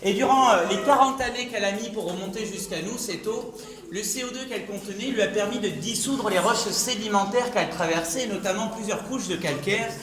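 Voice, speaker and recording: Male tour guide, high-pitched voice, explanatory group talk with rhetorical questions, recorded in a resonating stone gallery. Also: brisk, a crowd in the background. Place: echoing underground rock gallery. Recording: echoey cave gallery, clear background noise.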